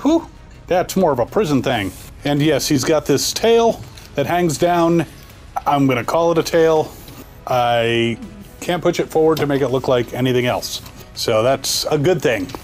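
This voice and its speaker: A man talks through an unboxing, his voice sitting a little above the usual for a man. He keeps it casual and wisecracking, slipping jokes between observations. Soft music hums faintly behind him. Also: fairly high pitch, expressive, moderate pace. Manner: joking, wisecracking asides. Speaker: toy reviewer and host.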